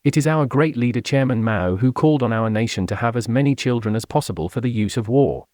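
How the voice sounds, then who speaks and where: A man voicing a stern father who argues emphatically and grows louder, in an audiobook. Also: medium pitch, fast, dry recording, clean studio sound, pitched above the performer's own voice, natural voice. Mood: emphatic. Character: thin, stern adult father, a government worker.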